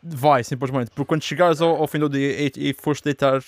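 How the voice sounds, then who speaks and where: Male, European Portuguese accent, slightly high voice, close dry sound. Informal podcast talk, slangy, peppered with English. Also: steady tone, a little fast, no echo. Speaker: music mixing and editing engineer. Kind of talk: casual podcast chat.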